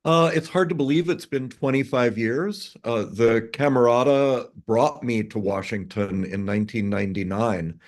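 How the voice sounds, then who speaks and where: A man in his fifties, a conductor answering interview questions over a video call, measured and articulate. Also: mid-range voice. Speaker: conductor, guest.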